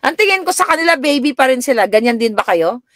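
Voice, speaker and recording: A middle-aged woman from the Philippines chatting casually on a live stream, telling stories about her grown children and answering viewers, her voice jumping higher when she quotes herself. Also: very animated, fast talker, a bit bright, no echo, clean studio sound. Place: home in the United States.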